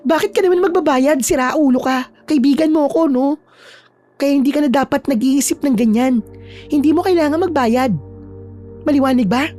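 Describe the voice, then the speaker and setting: A woman voicing a feisty young woman who is a loyal friend, talking in a brisk, scolding but reassuring way. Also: high voice, mellow, soft background music, close to an everyday voice. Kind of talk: storytelling with acted dialogue.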